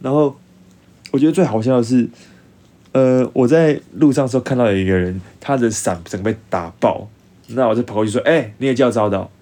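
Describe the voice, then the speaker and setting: A young man with a Taiwanese Mandarin accent, telling an animated story casually to his viewers. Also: mid-range voice, fairly quick. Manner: animated, acts out dialogue in changed voices. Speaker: vlogger.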